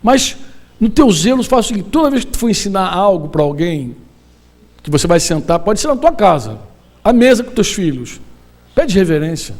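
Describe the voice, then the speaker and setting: At a conference hall, a high-voiced man with a Brazilian Portuguese accent preaches to pastors and leaders. His animated sermon is loose and colloquial, peppered with slang and quick questions fired at the crowd, and he sounds like he's standing in front of a room.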